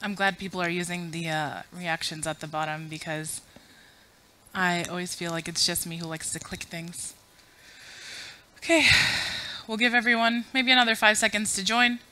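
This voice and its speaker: A woman in her thirties, originally from Afghanistan, gives a chatty, self-deprecating conference talk to a full room, running audience polls as she goes. Her fairly low voice is bright and forceful, with little pitch movement, at a moderate pace. She speaks into a podium mic.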